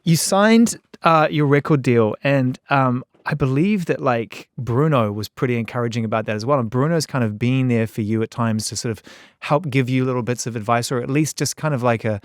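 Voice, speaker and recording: Fast-talking enthusiastic male interviewer. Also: medium pitch, no echo, clean studio sound. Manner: fast, enthusiastic, emphatic and repetitive. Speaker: interviewer, host. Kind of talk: casual conversational interview.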